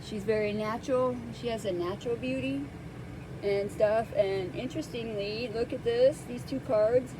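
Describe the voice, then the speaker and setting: A woman hosts a casual tarot card reading in a soft-spoken, hesitant way, with lots of pauses and fillers. Her voice sits on the high side, she's close to the microphone, and the background is noisy.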